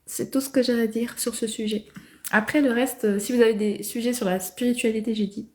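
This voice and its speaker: Woman livestream host, fairly high voice, calm, replies to comments, lots of fillers. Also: fairly quick. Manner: talking to viewers' comments, calm with many fillers. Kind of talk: casual livestream chat.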